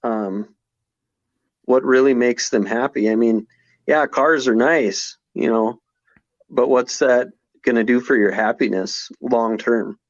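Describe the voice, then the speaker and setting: A man's voice: mid-range voice, slow pace, dry recording. Reflective man in his forties. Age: 40s. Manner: reflective, many restarts and fillers. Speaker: podcast guest. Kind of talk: casual conversation. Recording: slightly dull podcast audio.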